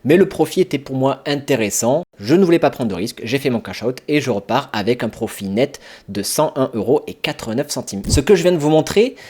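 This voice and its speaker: A man's voice: medium pitch, lively intonation, a little fast, hardly any pauses, darkish tone, husky. A man explaining sports trading step by step in a casual tutorial, talking straight to viewers with frequent fillers. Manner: explanatory, addresses viewers directly with fillers like bah and ben. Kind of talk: screen-recorded tutorial walkthrough.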